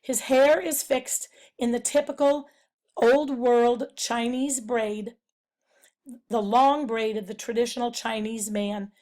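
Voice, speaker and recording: A woman giving a narrated presentation analysing a novel, speaking in a measured, explanatory way. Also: a little high, fairly even intonation, a little mellow. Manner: measured, explanatory, reads quotes aloud.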